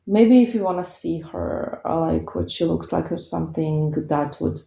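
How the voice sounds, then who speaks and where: Her voice is low and warm with vocal fry, moving at a moderate pace. The speaker, a Croatian tarot reader with a Croatian accent, chats casually and hesitantly with her viewers, dropping many fillers; the sound is dull and lo-fi, with room echo.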